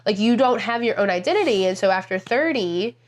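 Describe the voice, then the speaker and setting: Woman, 30s, podcast co-host, emphatic casual talker, medium pitch. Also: lively intonation, a little fast. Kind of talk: casual chat.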